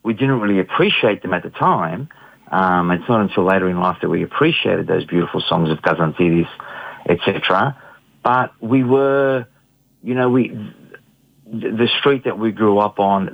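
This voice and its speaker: A middle-aged Australian artist gives an interview, reflecting aloud in a low, creaky voice full of ums and restarts. He sounds hesitant, and the audio is dull.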